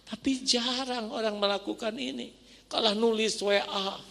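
A man preaching an emotive sermon, dropping to a hush and then rising to loud questions. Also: sits high, steady tone, normal speed, gravelly. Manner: emotive, swinging from soft to loud. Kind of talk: sermon to women. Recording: long hall reverb.

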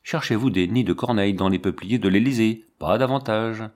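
A man reading the part of a naive, talkative little viscount in a storybook, voice dropped a bit lower. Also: a little fast, darkish tone, close to an everyday voice. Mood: chatty. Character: chattering gossipy little male viscount, naive.

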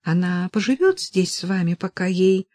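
A woman reading the part of a hesitant, guilt-ridden young woman, speaking softly and haltingly. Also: fairly low pitch, no echo, studio quality, lightly acted. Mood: firm.

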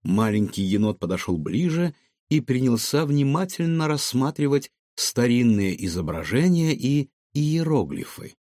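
A man narrating a children's storybook in an expressive way. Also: medium pitch, unhurried, dry recording, clean studio sound. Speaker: audiobook narrator.

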